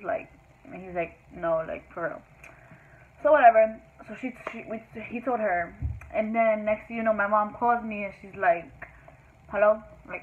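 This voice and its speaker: A young woman casually telling a personal story to her viewers, rambling with lots of "like" and "whatever". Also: medium pitch. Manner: rambling, many fillers like "like" and "whatever". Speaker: vlogger. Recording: tinny phone-like sound, faint hiss.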